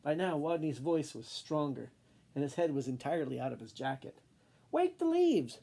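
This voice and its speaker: This man's medium-pitched, creaky voice moves fairly quickly as he reads a children's picture book aloud. His delivery is expressive, in a storytelling style.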